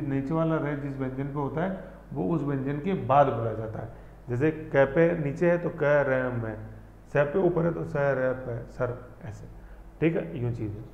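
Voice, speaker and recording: A man's voice: medium pitch, a little hiss or hum. Man teaching in an echoey room. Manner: conversational, checks in constantly with "thik hai"; spells out pronunciation slowly, syllable by syllable. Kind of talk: exam-prep current affairs lesson. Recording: echoey, dull lo-fi room recording.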